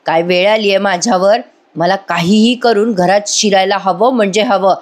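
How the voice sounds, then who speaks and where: A woman's voice: medium pitch, steady tone, normal speed, natural voice. A woman voicing a scheming young woman who coaxes and pushes insistently, in a TV serial review. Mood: coaxing. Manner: coaxing, insistent repetitions.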